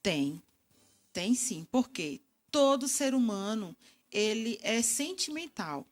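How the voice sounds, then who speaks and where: A middle-aged woman answering interview questions in a calm, reflective, explanatory way. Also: a little high, takes it slowly, faint music behind. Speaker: guest communication expert.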